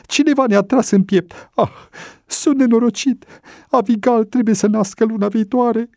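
A man's voice: darkish tone, no room sound, studio quality. A man voicing a panicked young man who has just been arrested, crying and wailing in a choked voice. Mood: despairing. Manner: choked, wailing, high-pitched.

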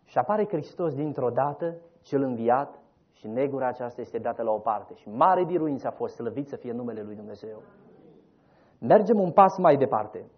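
A man preaching a sermon, telling the story dramatically, rising loud and then dropping soft. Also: mid-range voice, lively intonation, slightly rough. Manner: dramatic storytelling, voices quoted figures, rises loud then drops soft. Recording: dull lo-fi recording.

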